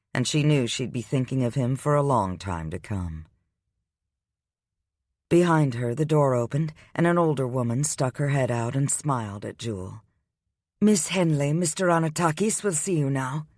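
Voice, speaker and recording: A man reading a romance audiobook aloud in a steady, even storytelling manner. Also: mid-range voice, dry recording, clean studio sound. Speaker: audiobook narrator. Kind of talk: scripted romance narration.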